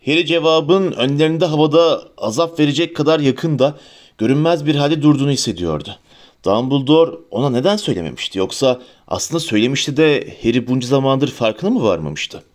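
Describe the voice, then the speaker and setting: A man narrating an audiobook in a steady, even storytelling manner. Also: medium pitch, fairly quick.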